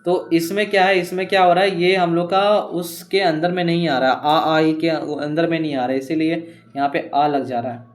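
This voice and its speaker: A man teaching an exam-prep grammar lesson, explaining step by step and reading examples slowly. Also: fairly high pitch, steady tone.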